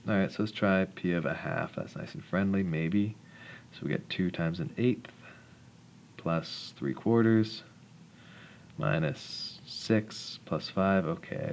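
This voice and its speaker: A man's voice: low-pitched, slight background noise. A man teaching math, talking himself through a worked solution in a casual, mumbling way with wry little jokes. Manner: mumbles calculations, jokes self-deprecatingly.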